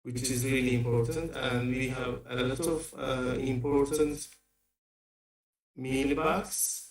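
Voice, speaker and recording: A man lectures slowly at a seminar, his voice arriving through a bad video-call connection that sounds distant and echoey. He talks haltingly and often stops to restart a phrase. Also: medium pitch, level tone. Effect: remote voice over a bad online connection. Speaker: invited seminar speaker.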